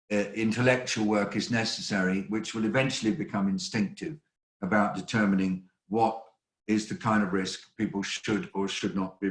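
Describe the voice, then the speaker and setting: An older man delivers briefing remarks over a video call in a low, steady voice. He speaks in a measured, earnest way with frequent pauses. The sound has a roomy echo. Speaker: host of an online briefing.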